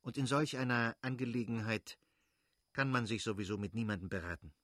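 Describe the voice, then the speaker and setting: A man voicing a cold, formal middle-aged official who speaks in measured, distant sentences. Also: mid-range voice, a bit bright, no echo, studio quality, lightly acted.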